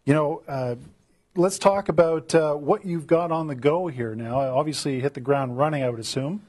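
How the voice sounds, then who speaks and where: Chatty husky male interview host. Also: fairly high pitch, fairly quick, darkish tone. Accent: Canadian. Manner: chatty, rambling, many fillers. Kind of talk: casual interview. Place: studio.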